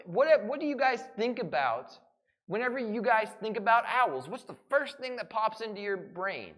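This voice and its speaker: A man's voice: high-pitched, a bit bright. A falconer gives a live talk to a family audience in a library room, asking the crowd question after question. His voice swings up and down a lot, and he keeps it playful. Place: indoor library event room.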